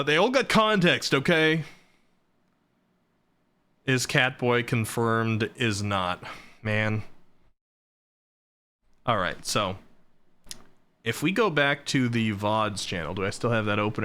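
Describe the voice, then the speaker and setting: A man's voice: medium pitch, expressive, slow, long pauses, pushed and bright. A man hosting a livestream, commenting casually on old clips in a playful, self-mocking way. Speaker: streamer, host. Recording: faint music behind voice.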